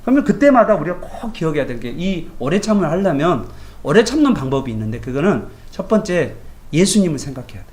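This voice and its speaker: A male pastor giving a morning devotion sermon in a colloquial, anecdotal way, often asking his listeners rhetorical questions. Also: a little high. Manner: animated, colloquial, tells everyday anecdotes; asks the congregation rhetorical questions.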